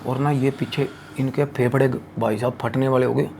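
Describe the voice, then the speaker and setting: A man's voice: medium pitch, fairly even intonation, moderate pace, vocal fry, warm tone, slight background noise. A man hosting a podcast, telling a horror story in a casual, crude and slangy way full of swearing.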